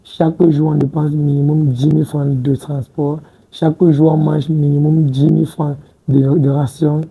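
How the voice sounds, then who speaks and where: A man's voice: on the high side, little pitch movement, moderate pace, dark tone, husky, low-quality recording. A man in his twenties, a guest in a studio interview, talking casually and hesitantly, restarting words and often adding "tu vois un peu". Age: 20s. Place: TV studio set.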